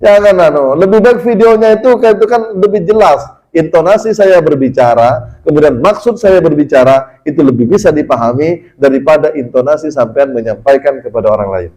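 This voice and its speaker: A man with a fairly high but mellow, warm voice leads a religious study session. He talks in an easy, conversational way, then jumps up in pitch for emphatic points. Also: expressive, brisk, low-quality recording. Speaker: Islamic religious teacher. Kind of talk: casual religious study lecture.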